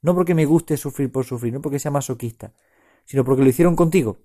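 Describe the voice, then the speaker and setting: A man from preaching a spiritual talk, in slow, repeating phrases that rise suddenly in emphasis. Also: dark tone. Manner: slow, repetitive, meditative phrasing with sudden rises in pitch and force. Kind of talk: spiritual talk on Ignatian meditation.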